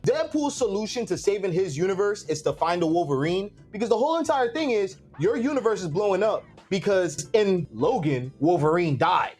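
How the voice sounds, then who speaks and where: Animated high-voiced young man reviewing a movie. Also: husky. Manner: animated, slangy, laughs often. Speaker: podcast co-host. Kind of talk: casual movie review chat.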